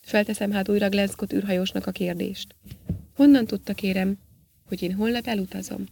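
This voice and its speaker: A woman's voice: mid-range voice, steady tone, creaky, warm tone, slightly rough. Woman reading as a stern, formal old professor. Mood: insistent. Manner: formal, pressing questions.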